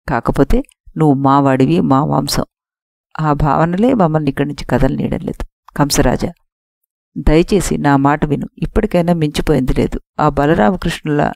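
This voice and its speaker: A woman voicing an angry elder nobleman who scolds a tyrant king in a forceful manner, in an audiobook story. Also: low voice, creaky, dry recording, studio quality.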